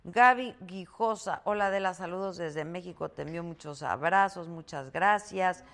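A woman hosts a live talk show from a hotel on the Mexican Caribbean coast, chatty and teasing, reading out viewer greetings and trailing off in repetitions. Her voice is fairly low and fairly bright, at a normal speed.

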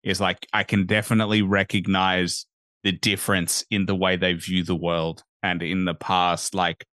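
A man with a notably low voice hosts a casual podcast interview. He asks searching, thoughtful questions and reflects at length. The recording is dry and close. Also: level tone, moderate pace, a bit bright, no echo. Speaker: podcast host.

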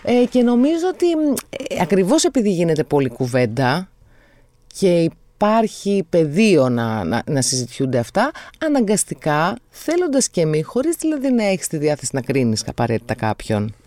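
A middle-aged woman in casual conversation, her pitch rising and falling freely as she talks. She reflects as she goes and pauses to search for words. The sound is close and dry. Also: sing-song, warm tone, no room sound. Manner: reflective, thinks aloud with hesitations. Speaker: guest.

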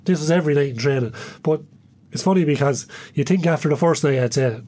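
Slightly husky Irish man, reminiscing casually. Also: on the high side, fast talker, dark tone. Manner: colloquial, self-deprecating. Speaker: interview guest, former hurling player.

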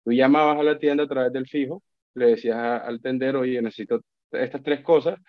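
A Colombian man in his thirties, an account manager, appears as a guest on a casual podcast, speaking reflectively in a Colombian Spanish accent and pausing to repeat and restart words. His medium-pitched voice has fairly even intonation and a fairly quick pace. The audio is dull and lo-fi, dry and close, with no echo.

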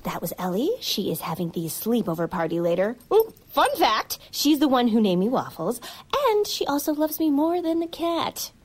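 Bouncy chatty pet dog, high voice, swooping all over, children's audio comedy. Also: female voice, normal speed. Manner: bouncy, excitable, easily distracted. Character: eager chatty pet dog hosting a podcast.

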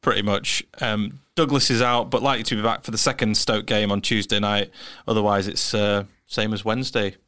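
Smooth-voiced man chatting about football. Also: lowish voice, fairly even intonation, fairly quick, few pauses, pushed and bright. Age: 30s. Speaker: podcast co-host. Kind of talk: casual football preview chat.

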